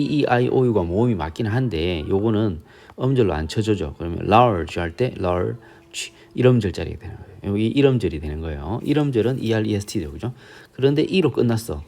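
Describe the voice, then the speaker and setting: A man's voice: on the low side, a little mellow. A male English teacher with a Busan accent, giving a grammar lesson step by step and often checking in with the students.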